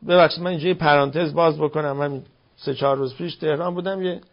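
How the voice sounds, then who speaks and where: An older man giving a moral lecture in sermon style, with slow, emphatic phrasing and rhetorical questions. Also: a little high, steady tone. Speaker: religious lecturer. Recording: dull lo-fi recording.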